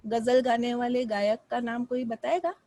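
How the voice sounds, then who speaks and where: A woman schoolteacher from Mumbai leads a lesson, her voice moving up and down in tone and often turning to her pupils with questions. Her voice sits fairly high. The recording is dry and close. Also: normal speed, dry recording. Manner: expressive, rising and falling delivery with frequent questions to students. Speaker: teacher. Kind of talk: classroom lesson.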